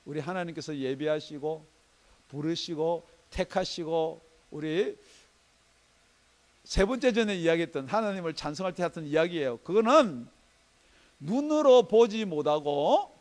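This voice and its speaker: Male pastor, church sermon, emphatic, high animated delivery. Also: a little slow. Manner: emphatic preaching with rhetorical questions and swings in loudness. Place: church sanctuary.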